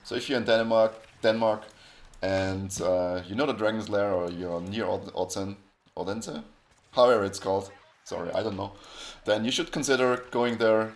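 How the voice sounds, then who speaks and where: Rambling low-voiced podcast host, man. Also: normal speed, hardly any pauses. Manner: rambling, frequent restarts and self-corrections. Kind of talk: casual podcast chat.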